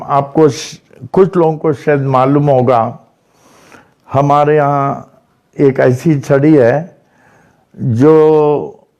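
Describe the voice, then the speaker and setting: A man from Maharashtra telling devotional stories in a slow, repetitive way, like a spiritual teacher addressing followers. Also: a little high, dark tone. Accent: Maharashtra, India. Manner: slow storytelling with repeated phrases. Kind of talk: devotional discourse.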